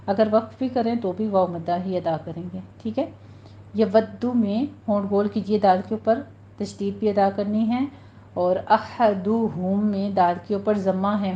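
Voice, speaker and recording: A woman teaching a tajweed lesson, patiently explaining pronunciation rules and slowly repeating words for her students to practice. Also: medium pitch, warm tone, highs cut off, a little hiss or hum. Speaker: Quran recitation teacher.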